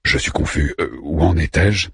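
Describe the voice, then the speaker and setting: Audiobook figure: a slow, wry male robot voiced by a male reader, low and dry. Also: slightly rough, no room sound, heavily acted. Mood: calm, wry. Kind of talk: audiobook character voicing.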